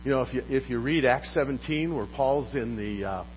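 A man preaching a sermon as pastor, putting questions to his congregation in a lively manner. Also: medium pitch, normal speed. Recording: dull recording with faint mains hum.

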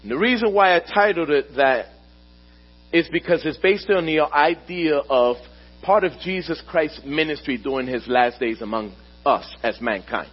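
A man preaching a sermon to his congregation at a pulpit microphone in a church, slowing down to stress key words and calling on the listeners to answer back. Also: a little high, slightly rough. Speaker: pastor. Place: church sanctuary. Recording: dull recording with mains hum.

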